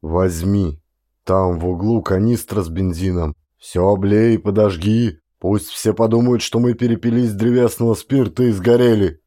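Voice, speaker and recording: A stern corporal speaks in a firm, commanding tone with a fairly low voice, as a male narrator reads him in an audiobook. The sound is close and dry. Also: steady tone, normal speed, mellow, dry recording, natural voice. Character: steady, stern army corporal. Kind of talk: audiobook character voice.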